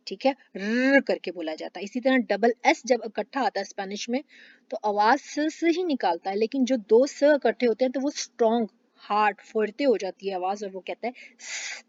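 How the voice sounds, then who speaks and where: Woman teacher drilling syllables, fairly high voice. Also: a little mellow, no echo, lo-fi sound. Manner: drawn-out syllable drills mixing in English. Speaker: language teacher. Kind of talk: explanatory lesson.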